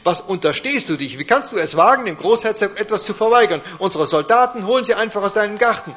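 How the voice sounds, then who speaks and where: A man's voice: fairly high pitch, brisk, soft background music, natural voice. A man playing a stern, commanding baron. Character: stern haughty male baron, courtier. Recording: dull lo-fi recording.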